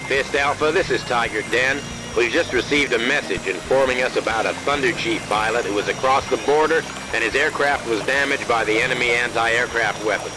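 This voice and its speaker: A steady base radio operator in a war game, his voice coming through a military field radio. He keeps to clipped, formal radio procedure in an ordinary middle pitch. Loud static crackles over the whole transmission. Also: a little fast. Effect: heard over a military field radio. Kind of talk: war game cutscene dialogue.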